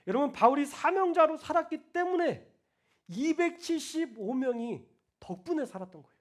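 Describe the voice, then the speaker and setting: A male pastor preaching a sermon in a colloquial way, talking straight to the congregation and moving between loud, emphatic declarations and soft, hushed asides. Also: sits high. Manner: colloquial, addresses the congregation directly.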